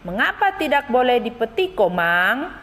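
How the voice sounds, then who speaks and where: A woman teacher reading a children's textbook dialogue aloud, lifting her voice high and lilting for two young schoolchildren. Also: unhurried, fairly bright tone, long reverb tail. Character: two young schoolchildren chatting about flowers.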